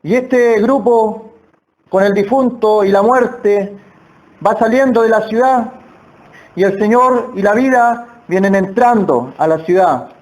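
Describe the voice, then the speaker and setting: A man preaching a sermon in a church, earnest, slowing down and repeating words for emphasis. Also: sits high, a little mellow. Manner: earnest, slow emphatic phrasing with repetitions. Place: church hall.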